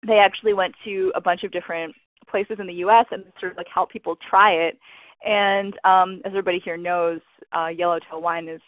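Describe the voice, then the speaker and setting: A woman's voice: on the low side, no room sound. A woman giving a fundraising webinar presentation in a casual, conversational way, with lots of fillers. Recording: dull lo-fi dry webinar audio.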